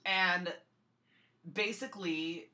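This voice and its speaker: A woman's voice: fairly low pitch, steady tone, slow, pushed and bright, slight background noise. A woman who performs as a drag king, co-hosting and giving blunt, opinionated takes with casual swearing. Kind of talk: casual chat.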